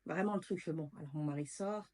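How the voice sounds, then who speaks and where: A woman's voice: low-pitched, quick pace, mellow. A woman vlogger telling a personal story in a candid, casual way, blunt and emotional, with slang and swearing.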